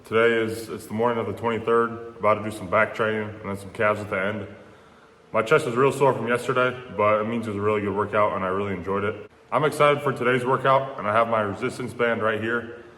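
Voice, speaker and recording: A man's voice: fairly low pitch, fairly even intonation, fast, a bit bright. A young man vlogging his workout in a gym, chatting to the camera and explaining each step as he goes. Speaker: fitness vlogger. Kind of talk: casual workout vlog. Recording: echoey room with long reverb.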